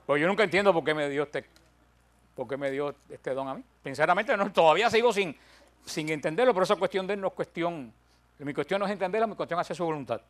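Older man, Bible study teacher, fairly high voice, emphatic, jokes at his own expense. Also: fast talker. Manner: humorous, self-deprecating storytelling; emphatic, counts points aloud.

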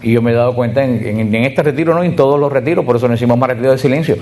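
A man preaching at a religious retreat, addressing the group directly, often repeating himself and slowing down on key words. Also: mid-range voice, a little mellow. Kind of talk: sermon.

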